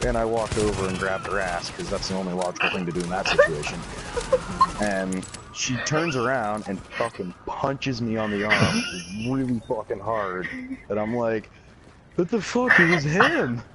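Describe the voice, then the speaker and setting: A young man telling a rambling party anecdote, swearing constantly and getting loud when he quotes people. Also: on the low side, normal speed. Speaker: storyteller. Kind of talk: casual anecdote to camera. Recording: loud steady background noise.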